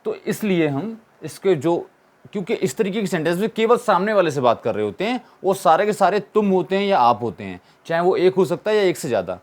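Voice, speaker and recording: A man's voice: high-pitched, sing-song, a little fast. A man teaching an English grammar lesson, asking questions and answering them himself and repeating the key points. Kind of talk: classroom-style explanation.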